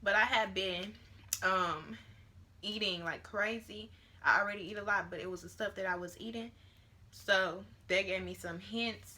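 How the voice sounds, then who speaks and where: Chatty bright-voiced young woman. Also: mid-range voice, normal speed. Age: late teens. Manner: chatty and rambling, with many fillers. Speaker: vlogger. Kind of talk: casual storytelling to camera. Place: at home, near her bedroom. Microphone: camera on a tripod.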